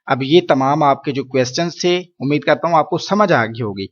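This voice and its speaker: A man teaching a Quran reading lesson, patiently explaining rules and slowly drawing out each syllable for learners to repeat. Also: a little high, lo-fi sound. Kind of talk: recorded spoken lesson.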